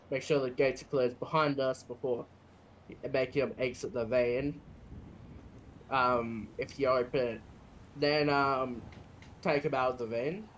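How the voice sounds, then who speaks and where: A man with an average-pitched voice explains rules in a matter-of-fact manner. His delivery is halting, as if recalling a procedure in a roleplay game. Faint noise sits on the voice chat. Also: rough recording. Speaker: player acting as a prison officer in an online roleplay. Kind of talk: explaining procedures, partly reciting.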